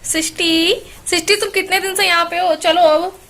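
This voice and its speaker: A woman's voice: very high voice, fairly even intonation, moderate pace, a bit bright, a little hiss or hum. A young woman vlogging casually about her family, playful and chatty with a small child.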